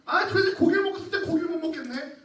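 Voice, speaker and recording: A preacher putting on a loud whining grumbler. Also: male voice, rapid-fire, reverberant, distant mic, slight background noise. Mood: grumbling complaint. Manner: complaining, exasperated, loud and high. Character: whining grumbling Israelite crowd member, male adult.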